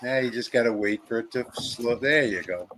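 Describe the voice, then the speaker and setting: A man's voice: medium pitch, normal speed, fairly bright tone, a little hiss or hum. A man co-hosting a live stream, reading viewer comments aloud and chuckling often. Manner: chuckles often, relays chat comments to the host. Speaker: co-host reading live chat.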